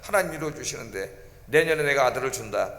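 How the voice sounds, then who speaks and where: A man's voice: mid-range voice, lively intonation, fast talker, a bit bright. A male pastor preaching a sermon in a church, emphatic and often putting questions to his congregation. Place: church sanctuary. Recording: echoey church hall.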